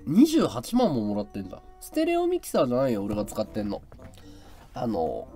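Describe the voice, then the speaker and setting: Chatty man with a very animated pitch. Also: brisk, soft background music. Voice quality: high, very carrying voice. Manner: chatty, explains his audio gear and voice tricks. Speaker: live streamer. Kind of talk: casual live-stream chat. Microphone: desk mic through an audio interface and mixer.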